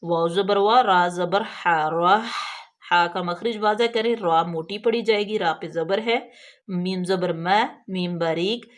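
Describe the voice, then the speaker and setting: A woman teaching correct prayer recitation, explaining each letter patiently and drawing out the words she demonstrates. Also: on the low side. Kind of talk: tajweed lesson, slow drawn-out recitation of examples.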